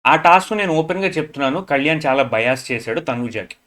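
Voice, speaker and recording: Quick guy ranting about a reality show, bit high voice, blunt. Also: lively intonation, a bit bright. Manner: frank, mixes English phrases, mimics people in low mocking voice. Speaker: show reviewer. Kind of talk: casual opinionated review monologue.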